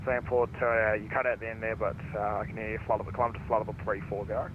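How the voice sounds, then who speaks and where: A man's voice: lowish voice, level tone, fast talker. A man working as an air traffic controller, giving clipped instructions over the radio. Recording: narrow tinny radio channel, faint noise.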